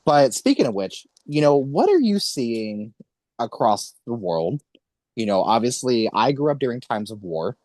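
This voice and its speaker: A man's voice: mid-range voice, sing-song, measured pace, a little mellow, dry recording. A man in his late twenties hosting a podcast, talking in an earnest, rambling way and correcting himself often. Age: 20s. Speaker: podcast host. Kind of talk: casual podcast conversation.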